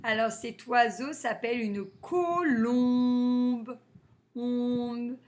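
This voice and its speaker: A woman teaching a phonics lesson to young children, sounding out letters and syllables slowly and carefully. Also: fairly high pitch, fairly even intonation, a little mellow, a little hiss or hum.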